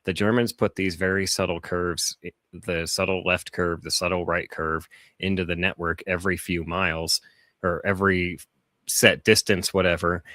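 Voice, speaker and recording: A man's voice: low-pitched, moderate pace, no echo. A man co-hosting a podcast, telling long rambling stories in casual chat. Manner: rambling, animated storytelling. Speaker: podcast co-host.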